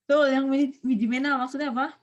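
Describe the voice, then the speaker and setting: A woman's voice: high voice, fairly even intonation, fairly quick, lo-fi sound. A woman teaching a vocabulary lesson over a video call, explaining patiently, quizzing her students and mixing Japanese words into her talk. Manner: explains patiently, often asks students questions.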